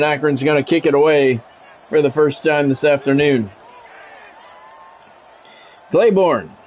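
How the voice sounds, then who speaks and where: Doing live football commentary on stream, a middle-aged man pairs professional play-by-play delivery with casual remarks. His voice is fairly high, and the sound is lo-fi.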